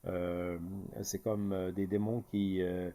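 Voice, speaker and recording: A man's voice: deep voice, little pitch movement, slow, dark tone. A man with a Québécois accent, speaking in a casual commentary full of fillers and restarts. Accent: Québécois French. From Quebec. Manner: hesitant, many fillers and restarts. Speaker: market commentator.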